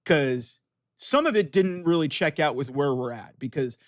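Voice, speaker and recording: A man's voice: a little high, expressive, moderate pace, dry recording. A man giving casual, opinionated video commentary, arguing his points emphatically and directly to his viewers. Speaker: wrestling commentator with an online channel.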